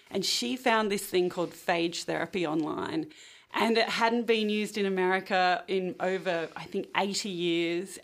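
A woman, a filmmaker guest on a radio interview, telling her story in a lively way. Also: lowish voice.

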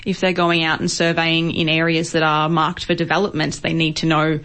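Young Australian woman, slightly low voice. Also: flat delivery, normal speed, fairly bright tone. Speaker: guest researcher, PhD student. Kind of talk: casual radio interview.

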